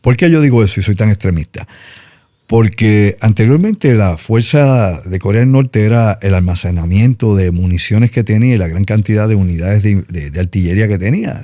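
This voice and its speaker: A man's voice: lowish voice, animated, brisk, warm tone, no room sound, clean studio sound. A middle-aged Puerto Rican man with a Puerto Rican accent, explaining world politics in a casual, emphatic talk-show style. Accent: Puerto Rican Spanish. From Puerto Rico. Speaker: news commentator.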